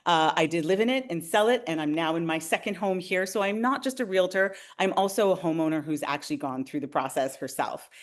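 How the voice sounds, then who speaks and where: Upbeat woman hosting a webinar. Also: fairly low pitch. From Canada. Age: 40s. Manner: friendly, enthusiastic, addresses viewers directly.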